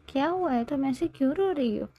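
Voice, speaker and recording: A woman's voice: high voice, expressive, mellow, dull audio, pitched above the performer's own voice. A woman voicing a brooding, hurt young husband in an emotional storybook reading. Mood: worried.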